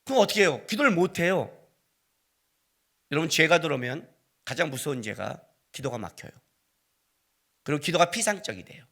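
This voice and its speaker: Lively storytelling Korean pastor. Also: male voice, on the high side, fairly quick, pauses often. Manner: storytelling with acted-out dialogue; conversational, asks the congregation questions. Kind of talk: sermon. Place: church sanctuary.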